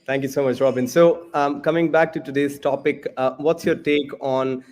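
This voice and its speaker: A man's voice: fairly high pitch, steady tone, moderate pace, a little mellow. Man hosting an interview, long meandering setups. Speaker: podcast host.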